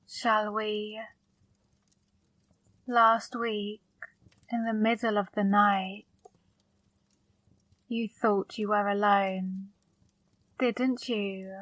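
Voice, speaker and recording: In an intimate ASMR roleplay, a woman voices a seductive, controlling female demon who flirts, teases, probes and fondly scolds. She talks extremely slowly, close to the mic, in an even pitch, coaxing and softly commanding with a fond, possessive edge. There's no room sound.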